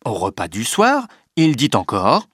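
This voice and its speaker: Husky-voiced man reading a storybook. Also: medium pitch, no echo, studio quality. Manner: expressive, unhurried reading. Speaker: narrator. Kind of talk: storybook read-aloud.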